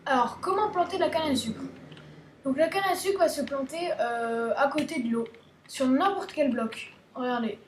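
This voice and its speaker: Woman host, high voice, playful game tutorial chatter, roomy echo and faint hiss. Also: normal speed. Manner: chatty and playful, many restarts, talks to viewers. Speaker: gaming video host. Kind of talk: casual game tutorial commentary.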